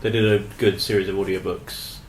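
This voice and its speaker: A wry, self-deprecating man chats as a podcast guest. His voice sits fairly low. The room gives it an echo with a faint hiss underneath. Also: level tone, brisk. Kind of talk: casual chat. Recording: roomy echo.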